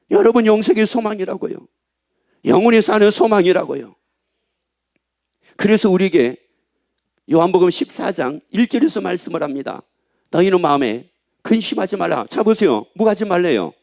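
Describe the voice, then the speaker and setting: In a church sanctuary, a middle-aged male pastor preaches emphatically and often puts questions to the congregation. His voice sits high with vocal fry and a slightly mellow quality.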